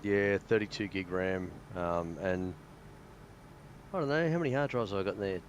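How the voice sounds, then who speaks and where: Casual Australian gamer guy, low voice, rambling, on a voice-chat mic. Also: normal speed, a little hiss or hum. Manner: rambling, hesitant, many fillers. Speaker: guest pilot. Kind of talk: casual chat over voice call.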